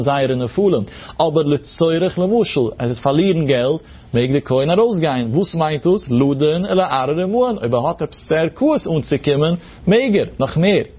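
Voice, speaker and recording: A man's voice: a little high, breathy edge, lo-fi sound. A man teaching a Talmud lesson in a sing-song explanatory cadence, mixing in Hebrew terms. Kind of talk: Talmud study lecture.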